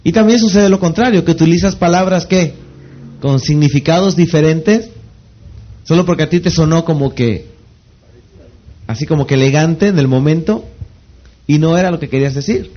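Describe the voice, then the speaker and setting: A man with a Mexican accent giving a motivational seminar talk as a network marketing trainer. He keeps asking rhetorical questions and pauses for the audience to finish his sentences. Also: a little high, highs cut off. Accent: Mexican Spanish. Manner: rhetorical questions, pausing for the audience to fill in words.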